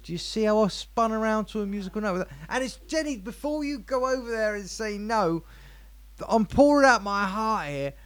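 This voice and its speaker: Rambling man, fairly high voice. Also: fairly quick, dry recording. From England. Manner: rambling, animated, playful storyteller. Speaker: radio show co-host. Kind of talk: casual joking chat.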